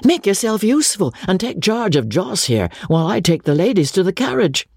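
A man's voice: sits high, very animated, fairly quick, creaky, slightly rough, no room sound, clean studio sound, pitched above the performer's own voice, heavily acted. A man voicing an impatient young army officer in a storybook reading, urgent and commanding.

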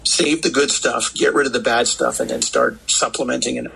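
A man's voice: medium pitch, normal speed, vocal fry, bright, forceful tone, a little hiss or hum, rough recording. A man calling in as a sports radio guest, talking through basketball with lots of restarts and fillers. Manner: talkative, many restarts and fillers. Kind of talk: phone-in sports radio interview. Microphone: phone line.

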